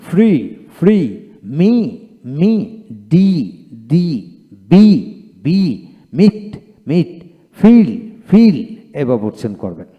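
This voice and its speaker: A man teaching an English pronunciation lesson. He repeats each word twice, slowly and with emphasis. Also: mid-range voice, dark tone, in a large hall.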